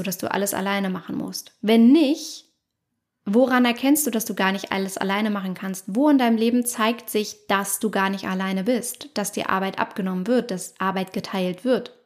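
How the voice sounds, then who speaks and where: Woman podcast coach, chatty and animated, plays out little inner voices, lots of questions at you. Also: medium pitch. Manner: lively, acts out inner voices and asks many rhetorical questions. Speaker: podcast host and life coach. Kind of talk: motivational podcast monologue.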